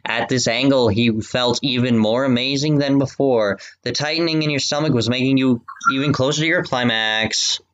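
A man's voice: medium pitch, moderate pace, hardly any pauses, fairly bright tone, lo-fi sound. A man stumbling and giggling through a mock-dramatic read-aloud for his friends. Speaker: reader of fan fiction for friends. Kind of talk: mock-dramatic reading with laughter.

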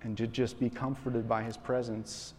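A man preaching a sermon as pastor, telling a story with lively acted-out quotes and frequent repeated words. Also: mid-range voice, moderate pace, a little hiss or hum. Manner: animated storytelling, acting out quoted voices. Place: large room in a school. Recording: long hall reverb.

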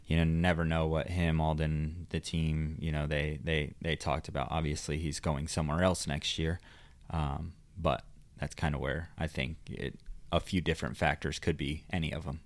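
Super low voiced dude, laid back rambly podcast talk, dry close mic. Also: male voice, moderate pace, no echo. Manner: relaxed, rambling, fills with "you know". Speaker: podcast co-host. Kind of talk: casual chat about motocross.

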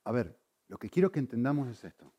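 A man preaching a sermon, swinging between loud emphasis and quiet, intense asides. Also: medium pitch, big pitch swings, quick pace. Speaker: pastor.

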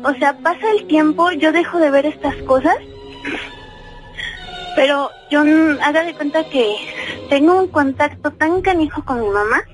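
Female caller, Mexican Spanish, high voice, rambling storyteller, radio line with soft music. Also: normal speed. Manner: chatty, many fillers like "este" and "¿no?". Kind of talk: telling a personal story on the phone.

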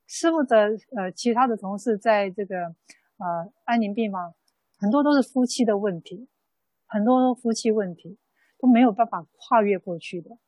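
A Buddhist nun giving a dharma talk in an unhurried storytelling way, full of soft fillers. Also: female voice, medium pitch, no echo, rough recording. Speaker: Buddhist nun teaching a sutra class.

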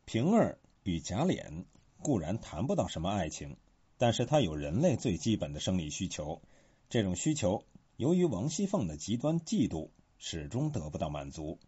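A man reading scripted literary commentary in a measured way, with expressive pitch. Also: husky. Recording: dull lo-fi recording.

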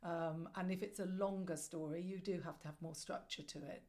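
A middle-aged woman answering interview questions conversationally as a guest, reflective and measured, with emphatic phrasing. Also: fairly low pitch, fairly even intonation, a little mellow. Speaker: podcast guest, storyteller and former broadcast journalist.

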